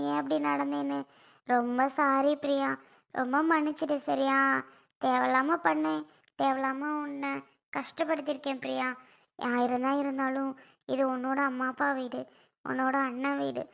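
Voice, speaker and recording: A woman's voice: high-pitched, steady tone, normal speed, gravelly. A woman playing a tearful, remorseful sister-in-law. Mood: apologetic. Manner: soft, pleading apology. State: near tears. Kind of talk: family skit acting.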